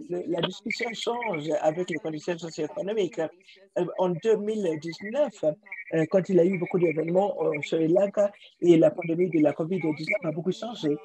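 A man giving simultaneous interpretation of a panel discussion, halting, with frequent restarts and repeated words. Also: fairly high pitch, warm tone, poor audio. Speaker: conference interpreter.

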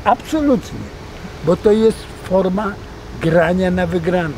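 A man's voice: high-pitched, measured pace, darkish tone. A man in his eighties chatting outdoors by apartment blocks, giving blunt, firm advice. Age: 80s. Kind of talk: casual street chat. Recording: outdoor street noise.

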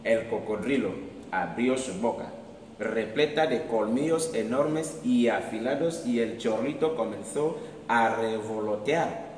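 Slow, expressive man telling a children's tale. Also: medium pitch, a little hiss or hum. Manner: slow, animated storytelling with many voices. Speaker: storyteller. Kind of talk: children's story reading. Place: library hall. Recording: echoey hall, mic far off.

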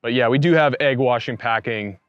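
A man's voice: mid-range voice, brisk, clean tone, lo-fi sound. Easygoing man explaining farm work outdoors. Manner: relaxed, matter-of-fact explaining. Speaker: pastured poultry farmer. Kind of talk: casual farm tour talk. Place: outdoors on a farm pasture beside a coop.

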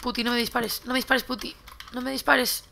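A woman's voice: a little high, little pitch movement, fairly quick, vocal fry, bright, forceful tone, slight background noise. A young woman from Spain with a Spanish accent, chatting casually while playing a game and often repeating words as she loots. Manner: chatty, repeats words while looting, swears when surprised. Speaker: gaming youtuber. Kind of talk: casual gameplay commentary.

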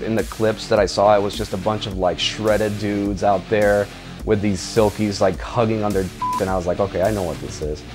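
A man in his thirties, an army medic veteran, giving a candid, profane interview in a dark studio with a joking, blunt manner. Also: lowish voice, fairly even intonation, brisk. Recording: music underneath.

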